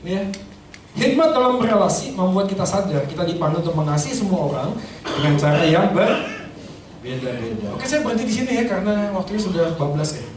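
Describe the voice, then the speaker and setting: A man's voice: high voice, brisk, a little hiss or hum. A man giving a sermon-like talk on family, asking the crowd questions and acting out little dialogues. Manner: animated, acts out dialogues, asks the crowd questions. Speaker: speaker at a church event. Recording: echoey hall, voice from far off.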